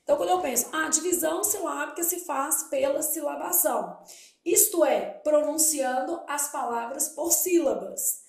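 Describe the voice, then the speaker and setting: A woman's voice: high-pitched, moderate pace, a little mellow. A woman teaching a Portuguese exam-prep lesson, posing questions and answering them herself. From Brazil. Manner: explanatory, asks and answers her own questions. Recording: echoey room.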